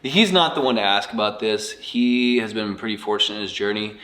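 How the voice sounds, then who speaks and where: Guy hosting a casual q&a, kinda low voice, talks fast and loose reading out questions. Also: sharp tone. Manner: quick, loose, reads viewer questions aloud. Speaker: interviewer and channel host. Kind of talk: casual Q&A interview.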